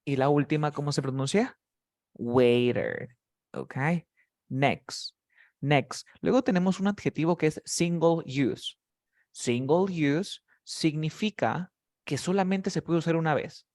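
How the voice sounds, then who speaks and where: A man's voice: fairly high pitch, expressive, slow, darkish tone. A man teaches beginner English, patiently repeating words and calling on his students one by one. His voice sounds close and dry, with no room echo. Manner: patient, drills words and asks students by name. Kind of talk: live online class teaching beginners.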